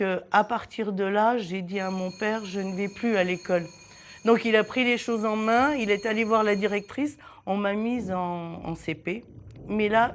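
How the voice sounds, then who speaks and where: A woman in her sixties, born in southern Italy with Italian as her first language, recounting her childhood in a halting, reflective way with many pauses. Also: mid-range voice, a little hiss or hum. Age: 60s. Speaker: interviewee. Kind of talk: personal testimony in a documentary.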